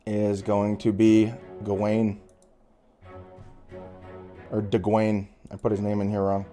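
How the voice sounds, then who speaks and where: A man's voice: on the low side, completely flat delivery, mellow, faint music behind. A man narrating as game master of a tabletop game, with an easygoing, chatty manner. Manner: easygoing, chatty, with quick laughs between narration.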